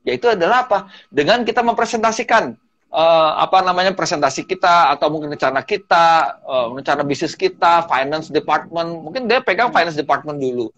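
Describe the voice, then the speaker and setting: A man talking as a guest public speaking trainer, telling stories in a lively way and mixing in English phrases. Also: a little high, a little fast, highs cut off. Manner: animated storyteller, mixes in English phrases. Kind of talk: casual talk-show chat.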